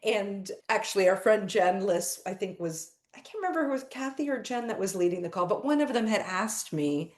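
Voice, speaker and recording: A woman's voice: mid-range voice, fairly quick, hardly any pauses, roomy sound. A middle-aged woman, a podcast guest, eagerly telling a story in casual chat and acting out the people she quotes. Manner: excitable storytelling, acts out quoted voices.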